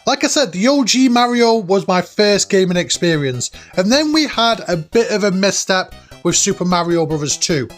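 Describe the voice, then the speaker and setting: Higher-pitched man, nostalgic and emphatic. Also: animated, normal speed, faint music behind. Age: late 30s to early 40s. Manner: emphatic, nostalgic, informal with mild swearing. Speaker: host of a retro gaming countdown. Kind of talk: enthusiastic scripted video commentary. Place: cabin, indoors.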